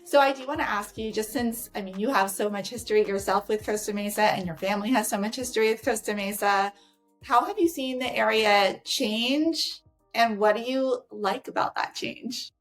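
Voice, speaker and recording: A woman hosting a local podcast, asking questions in a warm, encouraging way. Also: fairly high pitch, moderate pace, faint music behind. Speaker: podcast host. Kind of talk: casual interview.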